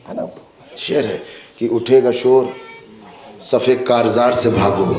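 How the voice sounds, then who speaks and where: A man from Uttar Pradesh, India, with an Indian Urdu accent, delivering a sermon at a gathering, swinging between ringing shouted recitation and quiet conversational asides to the listeners. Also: mid-range voice. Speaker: Shia cleric delivering a majlis. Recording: echoey hall.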